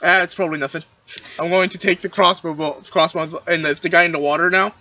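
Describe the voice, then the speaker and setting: A man playing a tabletop role-playing game, chatting casually and slipping into character in an excitable, exasperated way. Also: a little high, quick pace. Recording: dull lo-fi group session audio.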